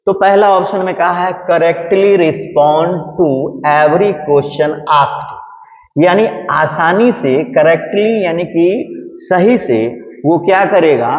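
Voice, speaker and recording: Male teacher, fairly high voice, lo-fi echoey room, patient step-by-step exam coaching. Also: a little mellow. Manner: explains step by step in Hindi, reads English options slowly. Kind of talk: exam-prep lecture. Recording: echoey room, dull lo-fi sound.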